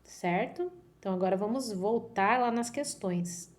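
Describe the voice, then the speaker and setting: A woman's voice: mid-range voice, darkish tone. A Brazilian woman teaching young children, explaining patiently and often checking they follow. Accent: Brazilian Portuguese. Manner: slow, patient, checks understanding with tag questions. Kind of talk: reading a folk tale aloud to children, then explaining.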